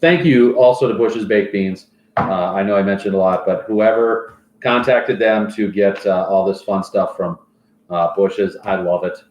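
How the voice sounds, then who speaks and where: A man's voice: fairly low pitch, a little slow, a little mellow, lo-fi sound, a little hiss or hum. A man acting as a fantasy football league commissioner, reading stats and mock sponsor plugs in casual banter. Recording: roomy echoey room.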